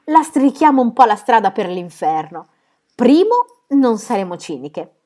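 A woman's voice: fairly high pitch, sing-song, unhurried, dark tone, voice pushed up. A woman reading an audiobook, voicing an outspoken young sister who talks bluntly and playfully. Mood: lively.

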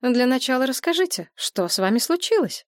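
A woman voicing a practical, sharp-tongued woman who speaks curtly and commandingly. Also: high-pitched, big pitch swings, dry recording, studio quality, voice pushed up. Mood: stern. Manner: curt, brisk, commanding.

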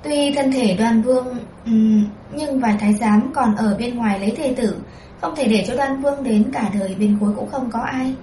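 A woman's voice: a little high, normal speed, echoey room, far from the mic, slight background noise, natural voice, poor audio. Woman reading as a sweet-talking scheming consort. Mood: honeyed. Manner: soft-spoken, sweetly persuasive. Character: scheming imperial consort, smooth and gentle.

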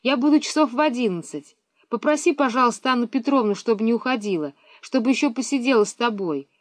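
Woman putting on a fussy bossy schoolgirl voice, high and insistent, dry recording. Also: fast talker, no room sound, close to an everyday voice. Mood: reassuring. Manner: raised, insistent, higher childlike voice.

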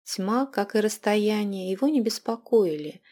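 Woman narrating a dark fantasy audiobook. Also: medium pitch, unhurried.

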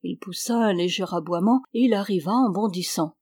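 A woman's voice: mid-range voice, husky, dry recording, clean studio sound. Woman reading a novel aloud. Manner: measured, even storytelling. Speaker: audiobook reader.

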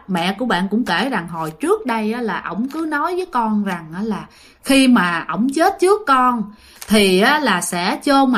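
Lively woman telling ghost stories. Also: on the high side. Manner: chatty, many fillers, addresses listeners directly. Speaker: ghost story channel narrator. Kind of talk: casual spoken storytelling.

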